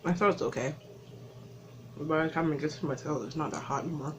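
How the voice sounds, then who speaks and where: A woman's voice: low-pitched, noisy background. A woman vlogging casually while eating spicy wings, her lips and tongue burning as she talks into her phone. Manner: slow, breathy talk between bites, laughing at herself. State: mouth burning from spicy food. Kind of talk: casual vlog chat. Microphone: phone camera.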